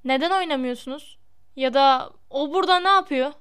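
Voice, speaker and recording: A woman's voice: sits high, brisk, a bit bright. A woman voicing a rash, hot-headed schoolboy in a storybook reading. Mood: puzzled.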